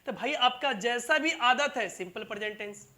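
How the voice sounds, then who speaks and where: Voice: medium pitch, lively intonation, normal speed, sharp tone. An English teacher gives a classroom grammar lesson in front of a whiteboard. The teacher repeats each point and keeps checking with the students, calling them "babu" and "bhai". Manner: repetitive, keeps asking "clear?" and calls students "babu" and "bhai".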